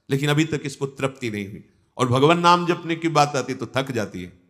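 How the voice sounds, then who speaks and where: A man's voice: on the high side, a bit bright. A man giving a devotional discourse as a spiritual teacher, exhorting listeners and quoting scripture verses in a chanting cadence.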